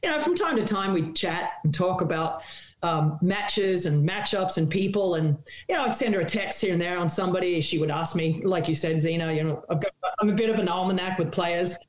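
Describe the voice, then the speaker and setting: A woman who is a former tennis pro and TV analyst, telling a lively anecdote as a guest and acting out the voices of the people in it. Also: on the low side, brisk. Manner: animated, laughing, acts out quotes. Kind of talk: casual storytelling anecdote. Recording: roomy echo.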